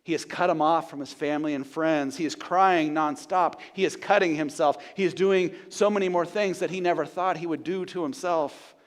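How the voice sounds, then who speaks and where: High-voiced man preaching a sermon. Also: steady tone. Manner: builds to loud repeated declarations, then drops to a hushed, slow delivery. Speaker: pastor. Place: church sanctuary.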